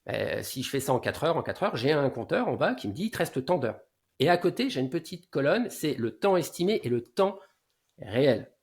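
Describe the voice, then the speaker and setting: A man in his forties, a guest consultant in a casual podcast interview, explaining at length in a low-key advising tone and often letting his sentences fade out. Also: very animated, a little fast.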